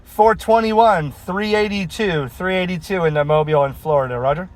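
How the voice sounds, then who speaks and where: High-voiced man making CB radio calls. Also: moderate pace. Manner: friendly, informal radio patter. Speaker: mobile CB radio operator. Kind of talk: CB radio contact calls with call signs. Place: inside a vehicle.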